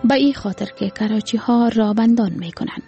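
A woman's voice: on the high side, lo-fi sound, faint music behind, close to an everyday voice. A woman voicing a poor old male banana seller who speaks patiently, with an Afghan Dari accent. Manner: patient, gently instructive.

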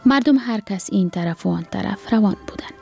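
Soft-spoken Afghan woman narrating a story. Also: mid-range voice, vocal fry, soft background music. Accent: Afghan Dari. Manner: soft, near-whispered reading.

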